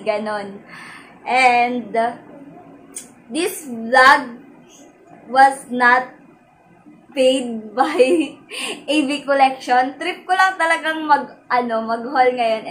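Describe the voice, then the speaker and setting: A woman's voice: high-pitched, slight background noise. A young Filipino woman chatting casually in a try-on haul vlog, chatty and giggly, mixing English into her talk. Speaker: vlogger. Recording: echoey room with loud background music. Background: loud upbeat pop music.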